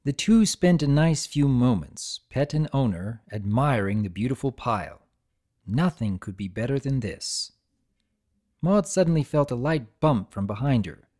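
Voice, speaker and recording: A man reading a story aloud as scripted dramatic narration, in a measured, expressive storytelling manner. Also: mid-range voice.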